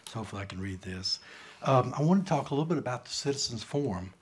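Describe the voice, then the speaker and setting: A man making a public comment, speaking slowly and haltingly. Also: mid-range voice, animated, husky. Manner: slow, halting speech. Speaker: citizen speaking at public forum. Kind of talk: public comment from handwritten notes. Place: council meeting room.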